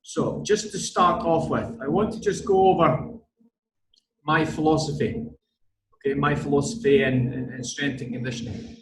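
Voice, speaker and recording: A man with a broad Scottish accent giving an online strength and conditioning lecture, deliberate and repeating words for emphasis. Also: fairly high pitch, roomy sound, crowd noise, poor audio.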